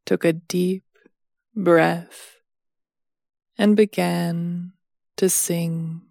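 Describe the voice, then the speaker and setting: A woman tells a bedtime story extremely slowly, her gravelly voice sitting a little low with a darkish tone. Soothing and measured, she rests between phrases. The recording is dry and close, with no echo or room sound.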